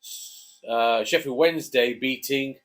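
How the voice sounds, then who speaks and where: A man's voice: mid-range voice, a little slow. A man co-hosting a casual chat, jokey and chatty, prompting his co-host to speak. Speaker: co-host, father.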